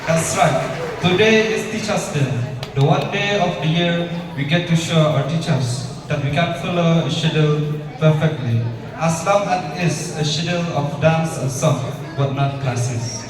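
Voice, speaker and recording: A man's voice: a little high, measured pace. A young man co-hosting a school ceremony in a scripted, formal style. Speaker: student co-host of a school program. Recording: very echoey hall, distant, crowd noise.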